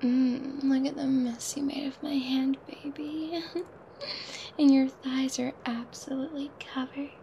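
A woman performing an intimate ASMR roleplay, talking in a soft, breathy whisper with quiet laughs. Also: high-pitched, level tone, measured pace, lo-fi sound, slight background noise.

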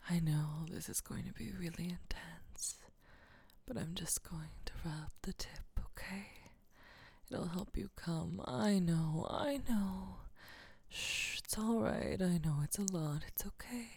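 A woman playing a doting female caretaker who talks in a soft, hushing whisper. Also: fairly low pitch, slow pace, vocal fry, breathy edge, exaggerated voice. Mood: tender, hushing. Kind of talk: intimate audio roleplay.

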